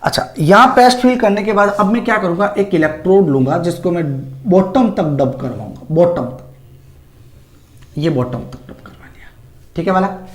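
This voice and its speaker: In an echoey room, a male chemistry teacher with a high-pitched voice talks a little quickly at the whiteboard. He keeps asking the class rhetorical questions, supplies his own answers, and addresses students as "sir" and "child."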